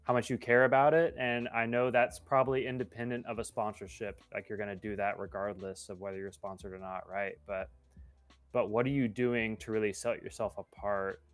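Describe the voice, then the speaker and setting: A man's voice: on the low side, little pitch movement, brisk, soft background music. A man co-hosting, asking questions in an earnest, thoughtful way with some repeated words. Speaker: co-host. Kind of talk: casual interview questions.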